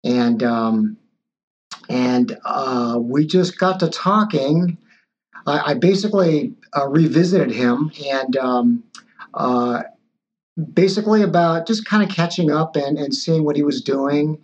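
Speaking slowly in a slightly high voice, a male doctor in his sixties responds to an interviewer with frequent fillers and false starts. Born in Taiwan and raised in Los Angeles, he is captured on dull, lo-fi audio.

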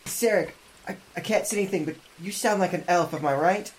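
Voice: mid-range voice, brisk, a little hiss or hum, close to an everyday voice. A player voicing a wary, clannish elf prisoner in a tabletop game, speaking earnestly and grimly. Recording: echoey room.

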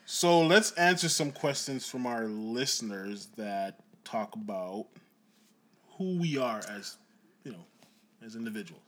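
A man from Jamaica co-hosting a podcast with his wife, telling stories in a relaxed, chatty way. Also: mid-range voice, measured pace. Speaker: podcast co-host. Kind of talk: casual chat.

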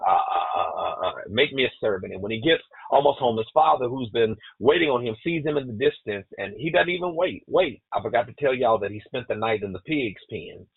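A man's voice: medium pitch, lively intonation, a little fast, creaky, hardly any pauses, slightly rough, no room sound. Man preaching a sermon over a tinny line. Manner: preaching with stammered repetitions and call-outs to the congregation. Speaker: pastor. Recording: tinny phone-like sound.

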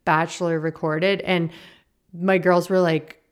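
A woman's voice: fairly low pitch, level tone, a little slow, smooth. A woman podcast host chatting informally and easily in a casual style, recorded at a desk in a small basement office. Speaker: podcast host and energy healer. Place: small basement office indoors, slightly echoey. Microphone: podcast microphone at a desk.

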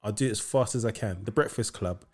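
A man hosting a podcast in casual conversation, upbeat and quick to rattle off lists. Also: on the low side, a little mellow, breathy edge. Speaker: podcast host.

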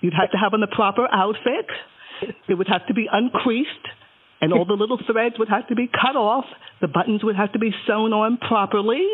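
A woman hosting a podcast, chatting casually, with dry teasing and deliberate lists of details. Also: mid-range voice, breathy edge. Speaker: podcast host. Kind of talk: casual phone chat. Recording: tinny phone line.

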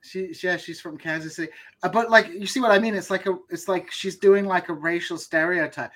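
A man hosting a casual online chat, quick and jokey as he shares a clip. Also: high-pitched, fairly bright tone. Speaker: podcast host.

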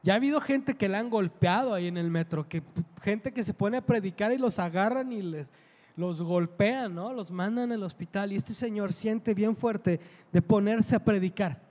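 A man preaching a sermon, telling a story with emphasis and building to loud passion. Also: sits high, moderate pace, long reverb tail.

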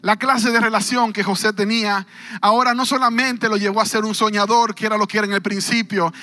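A male pastor preaching an impassioned sermon, often rising to a shout. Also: high-pitched, steady tone, fairly quick, no room sound.

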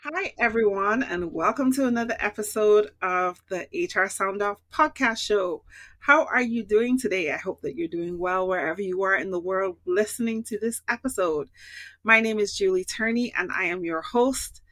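A podcast host, a woman with a medium-pitched, slightly bright voice at a moderate pace, welcomes a guest through a scripted show intro and then interviews her. She's upbeat and affirming, with frequent backchannels, and the recording is dry.

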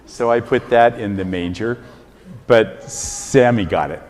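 An older man, a priest, giving a relaxed, conversational homily with chuckling, self-deprecating stories. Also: medium pitch, measured pace, a little hiss or hum. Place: large church. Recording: reverberant church hall.

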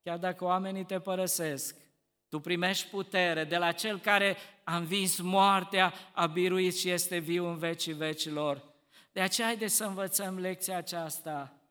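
A man preaching a sermon with passion, moving between hushed, slow stretches and loud, emphatic ones. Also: high-pitched, fairly even intonation, clear, resonant tone, long reverb tail.

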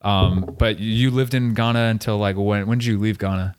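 Chatty low-voiced male podcast host. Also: moderate pace, clear, resonant tone. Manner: relaxed, chatty, trailing restarts. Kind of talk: casual interview chat.

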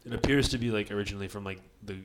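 Low-voiced man, rambling beer chat. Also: very fast, a little hiss or hum. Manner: rambling, hedging, many restarts. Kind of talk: casual chat.

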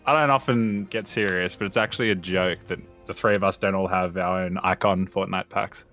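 Deadpan, low-voiced man in his twenties. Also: a little fast, faint music behind. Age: 20s. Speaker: podcast guest. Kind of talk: casual chat.

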